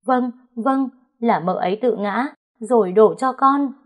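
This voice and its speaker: A woman plays a desperate young servant girl in a storybook reading. She begs in a high, tearful voice. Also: a little slow, close to an everyday voice. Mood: pleading. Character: young female servant, pleading and scheming.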